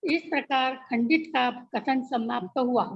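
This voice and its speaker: A woman student reading a text aloud in class, steady and careful. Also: high-pitched, measured pace, creaky, husky, lo-fi sound.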